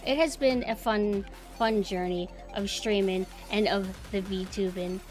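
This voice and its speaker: A woman with a mid-range voice chats casually as a live streamer. Her talk rambles informally as she thinks out loud. Music plays behind her. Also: medium pitch, steady tone, unhurried. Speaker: streamer, VTuber host. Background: background music.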